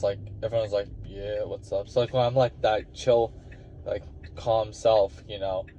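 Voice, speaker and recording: A tired young man, a college wrestler, rambling casually to the camera with lots of fillers and restarts. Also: mid-range voice. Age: young adult. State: tired from little sleep. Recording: dull lo-fi audio with loud outdoor noise.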